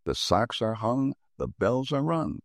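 A jolly old Santa calls out in a raised, cheerful voice, as a man plays him in a storybook poem. A gravelly edge sits under the bustle. The sound is dry and close. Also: medium pitch, sing-song, measured pace, no room sound, pitched above the performer's own voice. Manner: cheerful, declaiming.

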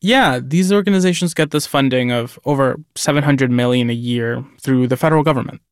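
A man's voice: medium pitch, brisk, clean tone, dry recording, studio quality. A man reporting on a news podcast, explaining his findings steadily.

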